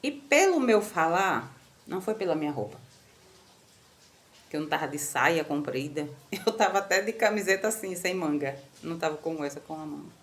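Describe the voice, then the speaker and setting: Animated Brazilian woman preaching. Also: normal speed. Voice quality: strong loud voice. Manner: animated, storytelling, jumps to high pitch when quoting. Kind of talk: sermon.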